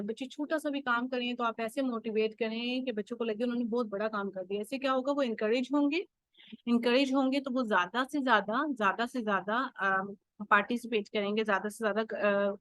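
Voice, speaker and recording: A woman's voice: fairly high pitch, a little fast, fairly bright tone, no room sound. A mother hosting a homeschooling workshop, explaining in a patient, instructive way and often switching into English phrases.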